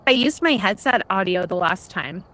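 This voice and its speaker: A woman's voice: mid-range voice, expressive, normal speed, sharp tone. A woman co-hosting a game live stream, giving short, blunt replies and swearing freely. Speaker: streaming co-host. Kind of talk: casual live-stream chat.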